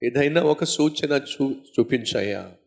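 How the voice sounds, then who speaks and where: A man's voice: mid-range voice, takes it slowly, creaky. A male preacher voicing a frightened man on a stretcher who pleads in prayer before surgery. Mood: pleading. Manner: pleading, plaintive.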